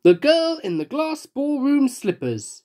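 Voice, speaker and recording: A woman's voice: high-pitched, big pitch swings, a little slow, mellow, voice pushed up. A woman voicing a grand lady who hosts a ball and gives orders in a storybook reading. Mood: announcing. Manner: announcing, imperious.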